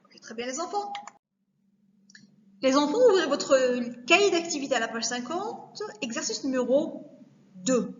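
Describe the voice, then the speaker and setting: A woman teacher giving a recorded lesson to young children, speaking slowly and carefully, repeating each word to break it down. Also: sits high, expressive, slight background noise. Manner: slow, careful, repeats words to spell them out. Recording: echoey room, dull lo-fi sound.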